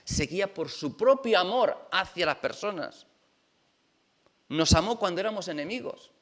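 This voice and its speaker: A man's voice: high voice, animated, moderate pace, fairly bright tone. A man from preaching a conversational sermon in a church, chatty and full of rhetorical questions to the congregation. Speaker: pastor.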